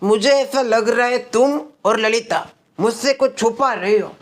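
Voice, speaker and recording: A woman playing a suspicious, nosy father-in-law in a comedy sketch, asking slow, probing questions. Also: a little high, natural voice.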